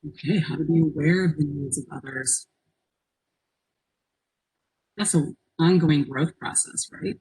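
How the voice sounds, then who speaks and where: A woman with a low, husky voice leads an interactive webinar. She speaks in an encouraging, reflective way and often invites her listeners to join in. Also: normal speed, mellow, poor audio. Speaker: workshop presenter. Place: online conference call.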